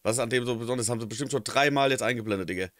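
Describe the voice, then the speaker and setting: A man's voice: medium pitch, very fast, a bit bright, no room sound, studio quality. A man hosting a rap reaction video, talking casually and slangily, quoting lines back half-rapped.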